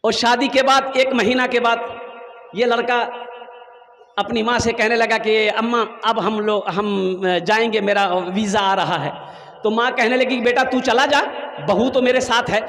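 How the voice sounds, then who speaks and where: A man's voice: extremely high pitch, fairly even intonation, a little slow, a bit bright, in a large hall. A man preaching a sermon, telling an emotional story and calling on the crowd to answer his questions. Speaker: Islamic preacher.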